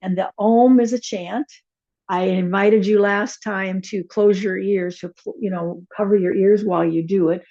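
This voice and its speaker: A woman teaching a chair yoga and meditation class, giving gentle, unhurried cues with soft asides. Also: mid-range voice, fairly even intonation, dull audio. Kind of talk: guided yoga class instruction.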